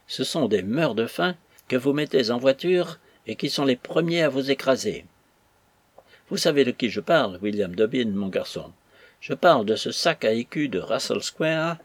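A man voicing a ruined, furious old merchant in an audiobook, ranting bitterly with a husky voice. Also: mid-range voice, animated, moderate pace, dry recording. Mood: angry. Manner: ranting, bitter, raising his voice. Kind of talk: audiobook character voice.

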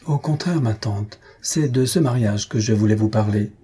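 A man's voice: on the low side, moderate pace, warm tone, husky. A man voicing an anxious young nephew who pleads hesitantly with his aunt, in a storybook reading. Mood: pleading.

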